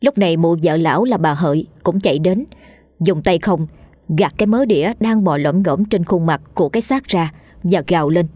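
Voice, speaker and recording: A woman narrating a horror story in a steady storytelling manner. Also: on the low side, normal speed, no echo.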